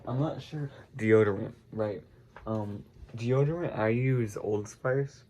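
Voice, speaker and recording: Slight background noise sits behind a mellow, fairly low male voice taking its time. It belongs to a congested American teenager vlogging to camera, rambling loosely with lots of fillers like "like" and "um" and repeatedly correcting himself.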